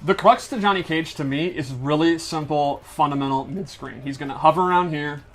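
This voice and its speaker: Speaking briskly, a slightly high-voiced man breaks down fighting-game mechanics in a relaxed way. He is eager and technical, explaining each point as he moves along.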